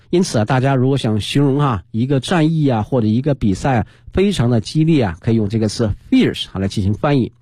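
A man with a slightly husky voice teaches English vocabulary on the radio, explaining each word patiently and spelling it out letter by letter. His pitch moves about a lot, and the sound is dry and close, as in a small studio. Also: mellow, no echo. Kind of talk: bilingual vocabulary lesson.

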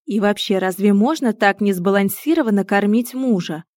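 A woman voicing a fussy, indignant middle-aged mother-in-law who talks loudly and pointedly. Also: moderate pace, no room sound, clean studio sound, close to an everyday voice. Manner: high, loud and indignant.

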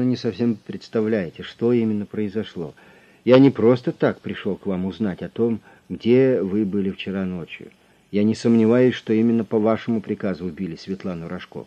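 A man voicing a calm, grim male detective who speaks in a measured, menacing way, on a slightly muffled recording. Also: lowish voice, natural voice.

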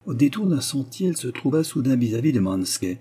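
Husky, dark-toned male audiobook narrator. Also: medium pitch. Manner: measured, expressive reading.

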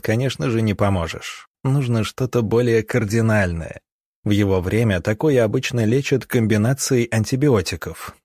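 A man reading an audiobook in measured, even storytelling. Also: lowish voice, breathy edge, no echo, clean studio sound. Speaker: audiobook narrator. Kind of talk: scripted audiobook narration.

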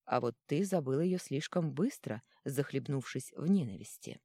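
A woman voicing a gentle, sorrowful noble mother who speaks softly but firmly. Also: extremely low pitch, expressive, moderate pace, husky, dry recording, clean studio sound, exaggerated voice. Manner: soft and sorrowful.

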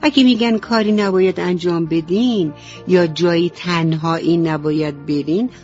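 A woman's voice: fairly low pitch, a little mellow. A woman storyteller narrating a bedtime story for children, speaking to them tenderly and fondly. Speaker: radio storyteller. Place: radio studio. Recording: dull radio recording, faint music.

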